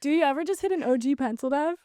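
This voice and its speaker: A young woman hosts a casual podcast with a high, light voice. She is chatty and giggly, teasing her guest playfully. The sound is dry and close-miked. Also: animated, fast, mellow, dry recording. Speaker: podcast host.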